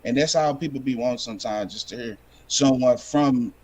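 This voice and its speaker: A man's voice: medium pitch, brisk, darkish tone. A man calling in to a live interview, friendly and laid-back, giving support. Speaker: caller. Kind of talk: call-in comment.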